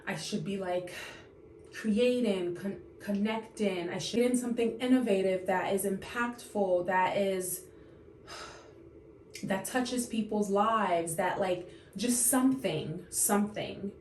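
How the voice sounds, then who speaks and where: A woman in her thirties talks straight to camera in an unscripted confession, trying not to cry, halting and sighing often. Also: mid-range voice, a little mellow, echoey room, slight background noise. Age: 30s. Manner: tearful, halting, full of fillers and sighs. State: on the verge of tears. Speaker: vlogger.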